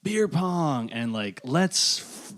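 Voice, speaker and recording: A man's voice: fairly high pitch, very animated, slow pace, fairly bright tone. A man hosting a podcast, chatting casually in a joking, self-deprecating way. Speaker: podcast host.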